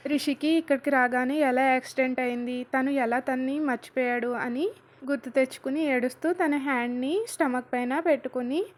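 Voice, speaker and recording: A woman narrating a fan story in a conversational way, with explaining asides. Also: high voice.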